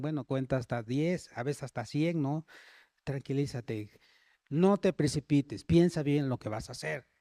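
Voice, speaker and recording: A man's voice: fairly high pitch, darkish tone, no room sound, studio quality. A man preaching a sermon, often checking in with the congregation and calling for amens.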